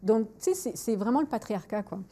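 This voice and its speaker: Speaking briskly in a slightly high voice, a Montreal woman in her forties with the city's French accent tells candid stories on her podcast. She moves freely between English and French and repeats words as she thinks. Her manner is lively and conversational.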